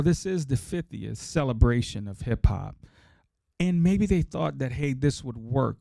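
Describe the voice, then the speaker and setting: A man's voice: mid-range voice, vocal fry, warm tone, no echo, clean studio sound. A middle-aged man hosting a podcast, talking casually and emphatically to listeners, repeating key points for effect. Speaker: podcast host.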